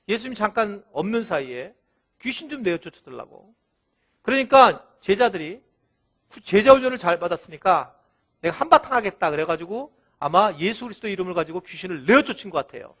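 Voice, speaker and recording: A male pastor delivering a sermon in an animated, storytelling way, acting out quoted lines, with a thin, light voice. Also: high-pitched, fairly quick.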